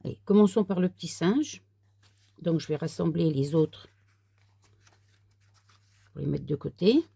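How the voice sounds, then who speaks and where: Woman with a low gravelly voice walking through a card kit, soft and easygoing, dry close sound. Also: animated, no echo. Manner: soft, unhurried, talks while working with paper. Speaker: crafter demonstrating a card kit. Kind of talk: casual crafting tutorial.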